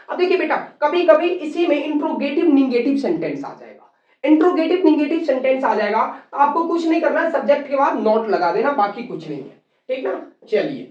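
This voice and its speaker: A man teaching English grammar at a classroom board, spelling words out letter by letter and calling his students children. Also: very high-pitched. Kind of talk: classroom lesson on a whiteboard. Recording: distant, roomy and dull-sounding classroom recording.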